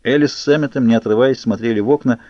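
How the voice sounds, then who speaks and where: A man reading a novel aloud as scripted narration, steady and even. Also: medium pitch, fast, dry recording. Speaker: audiobook reader. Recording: muffled lo-fi recording.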